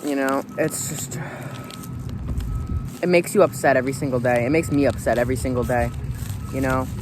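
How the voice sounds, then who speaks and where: An American man gives a casual opinion monologue as a vlogger, informal and repetitive, frequently saying "you know." His voice is medium-pitched with fairly even intonation at normal speed, and background noise is present.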